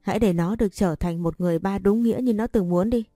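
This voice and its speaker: A woman's voice: mid-range voice, fast, mellow, dry recording, studio quality, soft background music, close to an everyday voice. A woman voicing a stern, scornful older mother-in-law who scolds and demands in a storybook reading. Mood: pleading.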